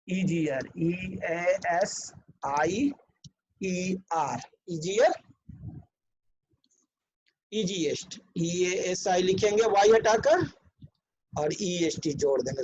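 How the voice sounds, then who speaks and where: A man's voice: high-pitched, darkish tone, a little hiss or hum. A man teaching an online English grammar lesson, spelling words out letter by letter and often checking whether his students follow. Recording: dull lo-fi recording.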